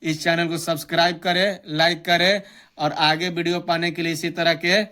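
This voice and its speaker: A young man giving an exam-prep grammar lesson, reading out definitions slowly and repeating them. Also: fairly high pitch, little pitch movement, sharp tone. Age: young adult. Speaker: teacher.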